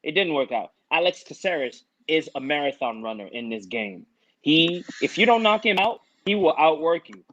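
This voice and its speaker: A man co-hosting a casual podcast chat, measured in tone, explaining and repeating his points. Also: on the high side, very animated, a bit bright, dull audio, a little hiss or hum. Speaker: co-host.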